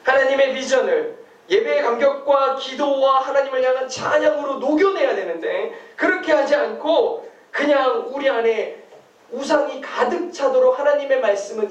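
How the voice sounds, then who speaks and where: A man's voice: very high-pitched, highs cut off. A male pastor preaching a sermon, asking his congregation questions and answering them himself. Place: church hall. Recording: echoey hall, mic from far off.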